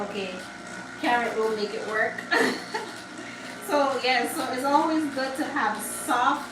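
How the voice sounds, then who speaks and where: Chatting casually on her live stream, a young woman with a Jamaican accent laughs frequently and thanks her viewers. Her pitch is fairly high. A distant mic gives a roomy, off-mic sound with background noise.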